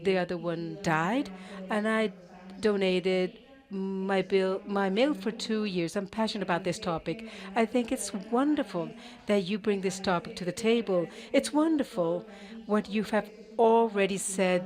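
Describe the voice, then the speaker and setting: A woman interpreting a conference panel live, halting, with cut-off words and restarts. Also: mid-range voice, darkish tone. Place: conference auditorium.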